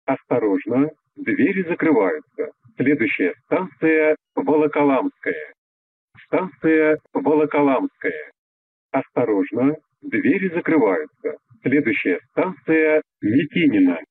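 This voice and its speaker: Husky man's voice over the train intercom. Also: medium pitch, very animated, no room sound. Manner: formal, measured announcing. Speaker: transit announcer. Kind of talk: recorded metro announcements. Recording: tinny lo-fi train loudspeaker.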